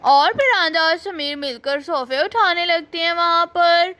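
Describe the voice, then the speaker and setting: A woman's voice: extremely high pitch, unhurried, sharp tone. A woman narrating a doll house story in a plain storytelling way.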